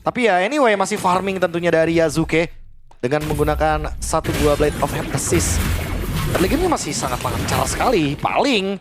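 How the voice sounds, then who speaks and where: A man's voice: a little high, lively intonation, brisk, over music. A man commentating on a live esports match as an analyst, explaining the play as it unfolds.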